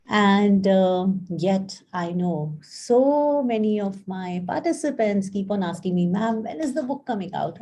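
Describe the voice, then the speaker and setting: Mellow-voiced chatty woman life coach. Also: on the low side, vocal fry, slight background noise. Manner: chatty storyteller, acts out quoted dialogue; frequent fillers and restarts, friendly address to viewers. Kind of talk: live-streamed casual talk.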